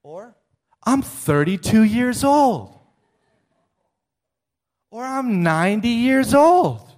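A man's voice: very high-pitched, big pitch swings, very slow, a little mellow. Emphatic middle-aged man preaching. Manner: emphatic, rhetorical questions. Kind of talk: sermon.

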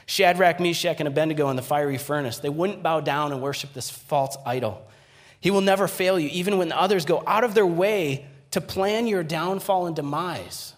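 A man preaching a sermon, earnest, building to emphatic peaks and dropping to hushed, quiet lines. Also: mid-range voice. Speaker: pastor.

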